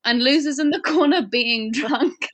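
A woman's voice: high voice, measured pace, fairly bright tone. A tipsy woman guest on a casual podcast chat who giggles, rambles and swears freely.

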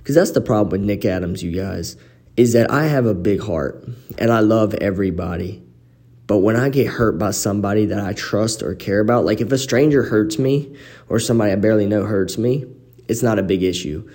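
A man's voice: lowish voice, a little fast, dark tone. A man hosting a podcast, telling a personal story in a rambling casual way with lots of fillers, recorded on a phone in an echoey apartment living room. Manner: rambling, frequent "you know" fillers. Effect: echoey room reverb. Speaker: podcast host.

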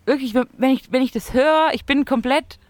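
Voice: sits high, moderate pace, no echo. A podcast co-host in casual chat, gushing about music and searching for words.

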